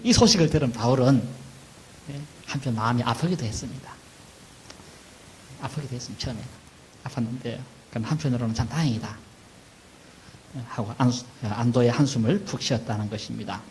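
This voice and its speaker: A man's voice: mid-range voice, fairly quick, a little hiss or hum, low-quality recording. A middle-aged man preaching a sermon as pastor, asking questions and answering them himself. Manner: acts out wailing mourners in a raised voice.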